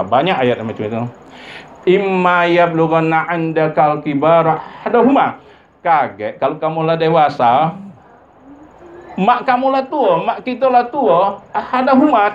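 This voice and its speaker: A man giving a sermon, his voice jumping high for emphasis as he acts out everyday family dialogue. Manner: lively pitch leaps, acts out dialogue of parents and children. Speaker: preacher. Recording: dull lo-fi recording with faint ambient noise.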